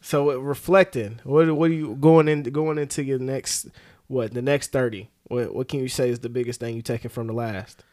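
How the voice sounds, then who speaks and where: A man in his mid-twenties hosting a casual podcast chat, easygoing and slangy, quick to agree. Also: mid-range voice, steady tone, darkish tone. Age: 20s. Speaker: podcast host.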